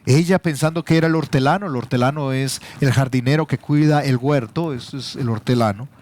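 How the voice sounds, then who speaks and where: A man's voice: mid-range voice, a little fast, darkish tone. A pastor with a Salvadoran Spanish accent preaching a teaching sermon, his voice rising sharply when he quotes scripture.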